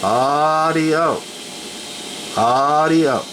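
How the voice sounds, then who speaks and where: This radio hobbyist has a fairly high voice and draws out his words as he plainly and casually walks through a hands-on equipment demonstration. The noisy room carries a constant hum from the gear.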